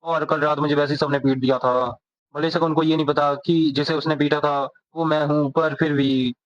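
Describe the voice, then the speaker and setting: A man narrating a comic's plot as a rapid storytelling recap, voicing each character. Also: on the high side, little pitch movement. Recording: dull, dry lo-fi recording.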